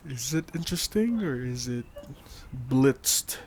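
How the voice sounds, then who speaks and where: A man's voice: medium pitch, a little slow, slight background noise. A man hosting a casual chat, reading trivia notes loosely with fillers, laughs and the odd swear. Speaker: podcast host.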